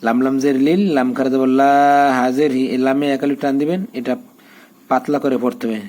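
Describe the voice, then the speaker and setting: A man teaching the spelling of the Quran, drilling letters and vowel marks and then chanting each verse slowly. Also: mid-range voice, level tone, dark tone. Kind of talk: spelling lesson in Quran recitation.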